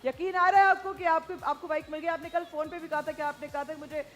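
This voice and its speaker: A woman with a high voice hosts a prize show on a TV studio set. She talks in a lively way, slipping English phrases in as she directs her guests, with faint music playing behind her. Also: fast talker. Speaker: game show host.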